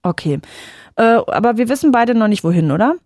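A woman's voice: a little high, lively intonation, darkish tone, no room sound, studio quality. A woman from Saxony-Anhalt hosting a casual late-night radio call-in show, playful and joking with callers. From Saxony-Anhalt, Germany. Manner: playful, joking, drawn-out hesitations.

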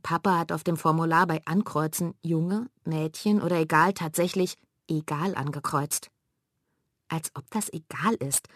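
A woman reading a children's story aloud in a lively, expressive way. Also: sits low, no echo, studio quality. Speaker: narrator.

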